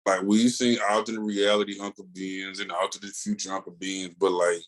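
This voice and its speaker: The recording is rough, but the man's low voice comes through with a level tone and a brisk pace. He's a comics podcast co-host from rural Tennessee with a Southern US accent, chatting in a casual, animated way and acting out quoted dialogue while telling colloquial stories.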